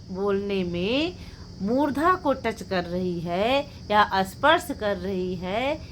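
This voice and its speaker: A woman with a medium-pitched voice gives an exam-prep lecture over a slight hiss or hum. She drills her points by posing rhetorical questions to the class, answering them herself, and repeating the answers.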